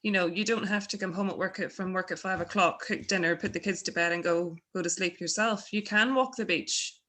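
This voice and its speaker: A woman's voice: lowish voice, a little fast, pushed and bright. A woman from Ireland, moderating a webinar panel in a chatty, conversational way. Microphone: video call.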